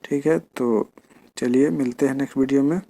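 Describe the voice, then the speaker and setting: A man's voice: medium pitch, steady tone, normal speed, vocal fry, dark tone. A man teaching children to read, spelling out each word syllable by syllable. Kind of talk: slow spelling lesson for children.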